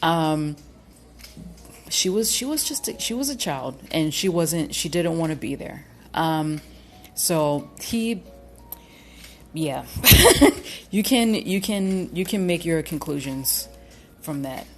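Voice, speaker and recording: A woman giving a casual tarot reading to her viewers, halting and cautious, with many fillers and restarts. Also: low voice, lively intonation, faint music behind. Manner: cautious, hedging with repeated qualifiers. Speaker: tarot reader.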